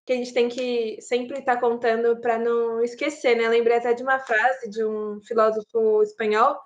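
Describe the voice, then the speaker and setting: Young woman asking rambling, high-pitched questions. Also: level tone, normal speed, highs cut off. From Brazil. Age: young adult. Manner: thoughtful, rambling questions with restarts. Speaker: student podcast host. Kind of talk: interview questions.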